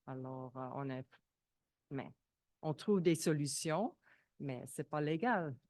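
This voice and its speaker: Slow, halting woman with foreign-accented French. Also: sits low, darkish tone, no echo, clean studio sound. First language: not French. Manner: halting, searching for words. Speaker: resident speaking at a council meeting. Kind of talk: informal public question.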